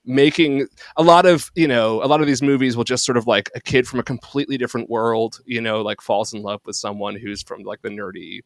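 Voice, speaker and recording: A man's voice: mid-range voice, brisk, dry recording. Chatty filler-heavy podcast host man. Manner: loose, filler-heavy, enthusiastic. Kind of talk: casual film chat.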